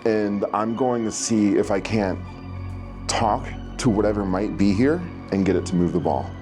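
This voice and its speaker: A man hosting a night investigation vlog, talking to the camera and calling out with deliberate pauses. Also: fairly low pitch, a little mellow, faint music behind. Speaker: vlog host, ghost investigator.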